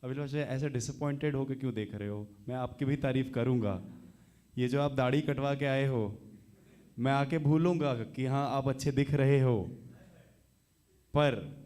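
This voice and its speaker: A man's voice: mid-range voice, normal speed, pauses often, darkish tone. A man hosting an open mic, teasing the audience and introducing comedians with playful banter. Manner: teasing, playful crowd work. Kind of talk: emcee banter between acts. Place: small open mic venue.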